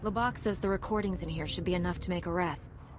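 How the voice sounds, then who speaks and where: A woman's voice: on the low side, steady tone, fast talker, faint music behind, lightly acted. A woman playing a resolute, principled knight in a video game, formal and composed. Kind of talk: scripted video game dialogue.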